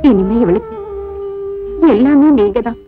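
A woman's voice: a little high, big pitch swings, measured pace. A middle-aged woman playing a caring motherly figure who reassures and hands over a young bride, tender in manner. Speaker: bride's relative. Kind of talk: dubbed film drama. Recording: tinny phone-like dub over loud film music.

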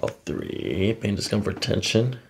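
A middle-aged chiropractor walks a patient through a hands-on exam using short clinical questions and instructions. His voice is on the low side and gravelly, with big pitch swings and a measured pace. They are indoors in a small carpeted treatment room, and there is a little hiss or hum.

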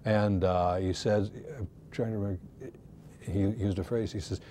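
A man's voice: fairly low pitch, steady tone, moderate pace, warm tone, a little hiss or hum. A man interviewed for a documentary, recalling and quoting someone in a conversational manner.

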